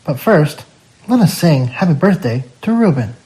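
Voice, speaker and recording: A woman's voice: sits low, big pitch swings, normal speed, dark tone, low-quality recording. A woman voicing a cheerful man announcing a birthday party into a microphone. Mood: cheery. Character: cheerful male party host at a library celebration.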